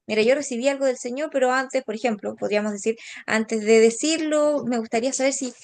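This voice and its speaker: Hesitant woman, slightly high voice. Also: brisk, darkish tone. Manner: thoughtful, hesitant with fillers. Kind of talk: casual church discussion.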